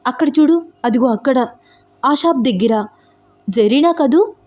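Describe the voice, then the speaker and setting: A woman's voice: medium pitch, moderate pace, dark tone, soft background music, natural voice. A woman voicing an outspoken, protective young woman in a storybook romance, pressing her questions indignantly. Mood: agitated.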